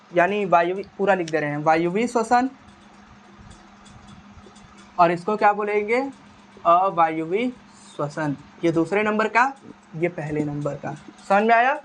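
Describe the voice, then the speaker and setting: Speaking high, this male biology teacher lectures his class conversationally. Short questions come one after another, he answers each himself, and he makes a point of repeating the important terms.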